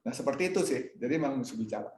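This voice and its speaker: A man's voice: mid-range voice, expressive, rapid-fire, darkish tone, roomy sound. A man speaking at a church fellowship meeting, telling a personal story and acting out the dialogue while answering questions. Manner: storytelling, acts out his own dialogue; addresses listeners as "Saudara". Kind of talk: casual sermon-like talk answering questions.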